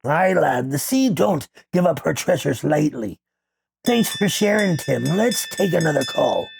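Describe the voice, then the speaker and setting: A performer playing a gruff male pirate captain who hosts a radio call-in show, talking in a rolling, theatrical pirate manner. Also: medium pitch, animated, unhurried, a little mellow, a little hiss or hum. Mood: knowing. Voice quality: gravelly, husky. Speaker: radio host.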